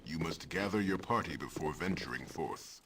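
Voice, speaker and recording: An actor playing a solemn video game narrator, formal and portentous in a scripted delivery. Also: male voice, rumbling low, animated, moderate pace. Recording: distant, under loud game noise.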